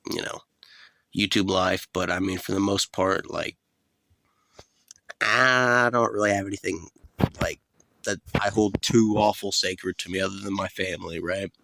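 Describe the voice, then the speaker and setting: Low, creaky-voiced man vlogging casually. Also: fairly even intonation, measured pace, long pauses, sharp tone, no echo, poor audio. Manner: laid-back, unscripted, swears casually. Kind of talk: casual rambling solo vlog talk.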